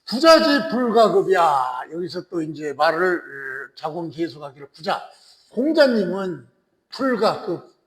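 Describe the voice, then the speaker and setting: Man teaching a classical text, deliberate and repetitive, constantly tossing quick prompts at the class; high voice, slow, recorded in a reverberant hall. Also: fairly bright tone. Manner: checks in with listeners using frequent tag questions; slow and deliberate, repeating and restarting phrases. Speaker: lecturer on classical texts. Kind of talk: lecture explaining a classical text. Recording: echoey lecture hall with long reverb.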